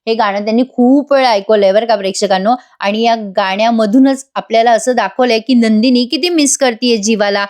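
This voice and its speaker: A woman's voice: on the high side, fairly even intonation, fairly quick, few pauses, a little mellow. A woman giving a voice-over recap of a TV serial episode, retelling it animatedly and acting out the characters' lines. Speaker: TV serial reviewer.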